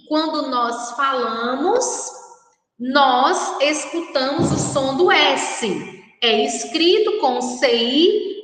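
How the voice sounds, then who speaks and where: Slow, patient woman teacher. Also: high voice, pushed and bright. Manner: slow, patient, spells out syllables. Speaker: primary school teacher. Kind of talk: recorded classroom lesson for children. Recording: echoey room, mic far off.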